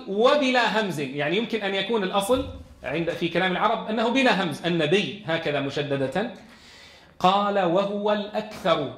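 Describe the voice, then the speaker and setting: A man's voice: sits high, fairly bright tone, roomy sound. A man teaching a Quran lesson in a classroom. He reads from a text and explains it, asking his students questions.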